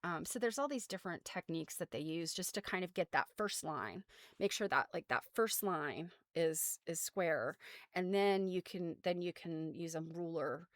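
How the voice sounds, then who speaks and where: Heard at a moderate pace in a dry, studio-quality recording, the fairly low voice belongs to an American craft show host. She chats casually about quilts on a livestream, drifting through loose explanations and trailing asides.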